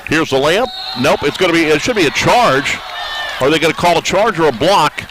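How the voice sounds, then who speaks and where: Brief: male play-by-play announcer, slightly high voice, folksy and chatty, lots of "uh" fillers. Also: expressive, fairly quick, background noise. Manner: folksy, conversational, frequent "uh" fillers. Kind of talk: live basketball commentary.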